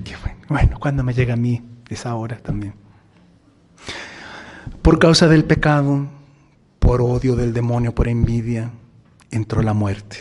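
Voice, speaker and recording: Husky-voiced priest teaching catechism. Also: male voice, medium pitch. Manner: conversational, animated storytelling with acted-out quotes. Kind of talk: adult catechism class.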